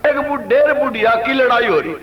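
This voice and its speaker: A man telling rustic comic stories and voicing the characters in quick dialogue. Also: very high-pitched, expressive, a little hiss or hum. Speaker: comedian telling jokes. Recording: echoey lo-fi cassette recording.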